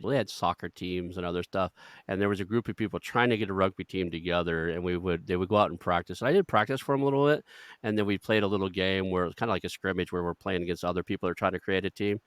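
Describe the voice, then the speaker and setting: Fast-talking low-voiced podcast host. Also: male voice, a bit bright, dry recording, clean studio sound. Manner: chatty, rambling, self-deprecating. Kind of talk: casual interview chat.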